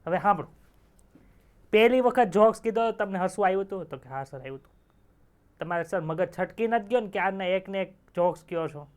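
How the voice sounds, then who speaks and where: A man's voice: sits high, brisk, darkish tone. A young male teacher, giving an online exam-prep lecture in a chatty way, telling jokes and quizzing students with rhetorical questions.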